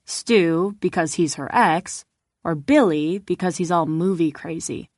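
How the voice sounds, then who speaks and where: A woman's voice: lowish voice, measured pace, a little mellow, no echo, studio quality. A woman narrator voicing Jennifer, a guarded, wry young woman who talks in a subdued way. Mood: dry.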